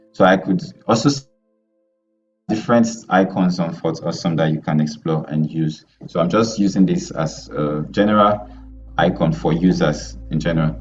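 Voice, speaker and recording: Deep-voiced male teacher on a voice call. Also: darkish tone, lo-fi sound. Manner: halting, with many fillers and restarts. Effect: heard over an online group voice call. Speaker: web development instructor. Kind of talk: live online coding lesson.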